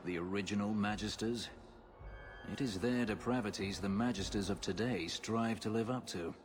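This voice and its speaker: A brooding, bitter warrior, played by a man, speaking coldly in a low voice. A faint ambient hum sits behind him, as in a fantasy game. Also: moderate pace, close to an everyday voice. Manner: cold, hateful.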